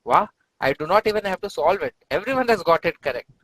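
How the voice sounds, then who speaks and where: A man's voice: high voice, animated, fast, a bit bright, low-quality recording. A man with an Indian accent teaching an interactive class, encouraging students with short, repeated prompts and praise. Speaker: chemistry teacher.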